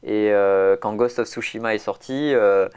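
A man's voice: on the low side, fairly even intonation, unhurried, a little mellow, clear, resonant tone. A man, chatting casually as a podcast co-host, rambling with lots of fillers and restarts. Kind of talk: casual chat.

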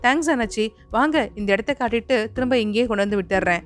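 A smooth-talking young schemer with a quick, ingratiating manner, as a woman narrator puts him on. The voice is fairly high, with faint music under the audio story. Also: lightly acted.

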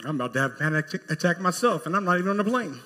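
A man preaching a sermon as pastor, telling a scripture story with emphatic rises to forceful peaks. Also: high voice, animated, very fast, long reverb tail.

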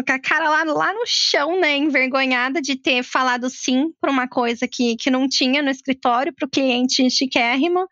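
A woman's voice: sits high, pushed and bright, dry recording. A young woman with a Brazilian Portuguese accent, telling a story in casual chat with playful exaggeration. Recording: dull dry lo-fi mic.

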